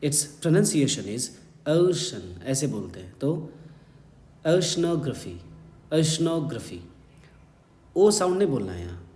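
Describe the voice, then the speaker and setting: A man with an Indian accent teaching an exam-prep vocabulary lesson, slowly spelling out words and repeating them. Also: medium pitch, warm tone. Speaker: English teacher. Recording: echoey room with faint hum.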